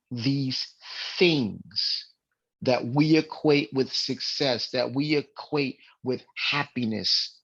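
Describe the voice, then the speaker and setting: A man's voice: mid-range voice, a bit bright, highs cut off. A young adult man co-hosting a podcast, talking casually but earnestly and acting out the voices he quotes. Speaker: podcast co-host.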